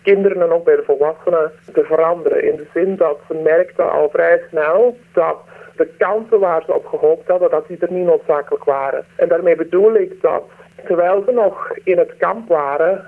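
A woman, her voice disguised by a deep pitch-shift distortion, answering a radio interview earnestly with hesitant pauses. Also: vocal fry. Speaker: anonymous former aid worker interviewee. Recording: distorted, narrow phone-like sound.

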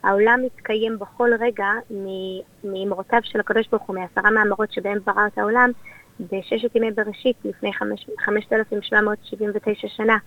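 A woman with an Israeli accent speaks as a guest on the radio, explaining things conversationally. Her voice sits at a middling pitch for a woman. The recording is slightly dull and lo-fi. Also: flat delivery, no room sound. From born in Australia, raised there and in Israel. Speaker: rabbi's wife and community leader, interview guest.

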